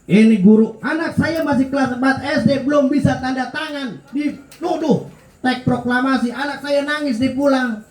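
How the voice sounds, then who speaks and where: A man's voice: very high-pitched, normal speed, reverberant, voice pushed up, rough recording. A man playing an indignant, blustering father. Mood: indignant, angry. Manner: indignant, confrontational. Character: angry protective father, blustering.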